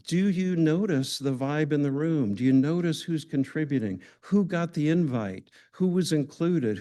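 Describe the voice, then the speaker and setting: A man's voice: mid-range voice, mellow. A man giving a conversational, engaging lecture to a hospital audience, often asking the room questions. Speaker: grand rounds speaker.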